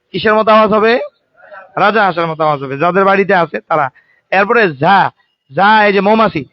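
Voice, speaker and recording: A man's voice: high-pitched, no echo. A man teaching a Quran recitation lesson, calling on students to answer aloud and adding colloquial joking asides. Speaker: religious teacher. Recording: dry, dull lo-fi sound.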